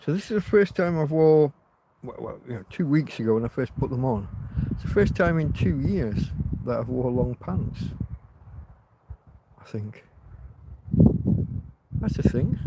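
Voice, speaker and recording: Heavy background noise surrounds a man whose voice sits on the high side with some vocal fry. Hosting a live stream, he chats loosely and meanderingly to viewers, keeps restarting, and lets out a slight cough from a tickly throat.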